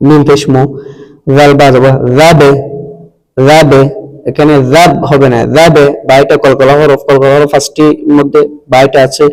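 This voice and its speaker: A man teaching Quran reading, spelling out each letter and vowel, then blending and repeating syllables slowly. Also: fairly high pitch, little pitch movement, darkish tone. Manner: repeats syllables and tells listeners to pay attention. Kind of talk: slow spelled-out recitation lesson. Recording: long reverb.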